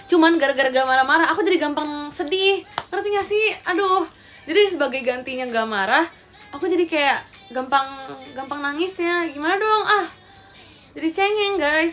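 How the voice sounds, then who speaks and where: A woman's voice: high voice, expressive, moderate pace, long pauses, a bit bright, soft background music. A young woman chatting casually to her viewers on a livestream, rambling and talking to them directly. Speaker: idol livestreamer.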